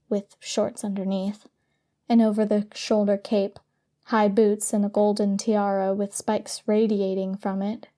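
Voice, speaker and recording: Woman narrating an audiobook, steady and flat, mellow voice. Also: medium pitch. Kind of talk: scripted narration.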